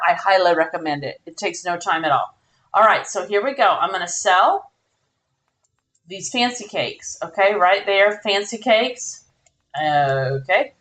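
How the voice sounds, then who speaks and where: A woman commentating her own live game stream in a bubbly, excitable way, squealing when she wins. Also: mid-range voice.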